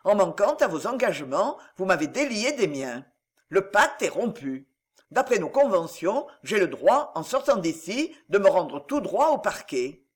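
Composed commanding nobleman, read by a man; cold and measured, high animated pitch. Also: husky, full character voice.

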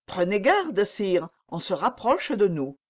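A woman reading the part of a young princess who speaks with soft, sad firmness in an audiobook. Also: mid-range voice, big pitch swings, takes it slowly, pitched above the performer's own voice. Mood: melancholy. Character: young melancholy princess, gentle and firm.

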